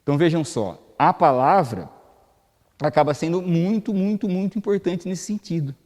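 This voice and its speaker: A man's voice: a little high, moderate pace, a little mellow. A Brazilian man with a Brazilian Portuguese accent giving a spoken lecture at a spiritist center, talking conversationally and putting rhetorical questions to the audience. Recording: reverberant hall.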